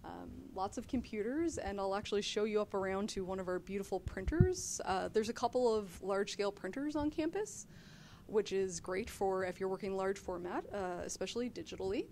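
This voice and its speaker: A woman's voice: mid-range voice, brisk, a little mellow, slight background noise. A woman, a print technician, giving a chatty guided tour of a computer lab, with frequent fillers.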